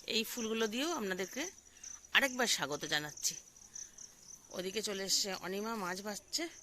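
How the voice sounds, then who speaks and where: A woman's voice: medium pitch, very animated, moderate pace, background noise. A middle-aged woman hosting a casual home vlog from her kitchen, chatty and keeps asking viewers questions as if they were friends. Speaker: vlogger host. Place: home kitchen and dining room.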